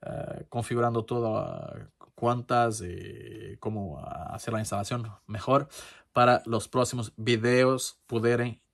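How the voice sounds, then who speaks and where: A man's voice: medium pitch, fairly even intonation, measured pace, creaky. A man whose first language is Portuguese, talking to his channel in Spanish with a Portuguese accent, casual and hesitant, full of fillers and restarts. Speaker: crypto channel host. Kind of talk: casual tutorial talk to camera.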